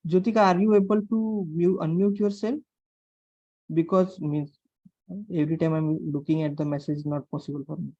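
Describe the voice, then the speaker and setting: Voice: medium pitch, flat delivery, moderate pace, dark tone, dry recording, dull audio. An instructor with an Indian English accent teaching an online class step by step, repeating phrases and checking understanding with questions. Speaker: programming instructor. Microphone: online class call microphone.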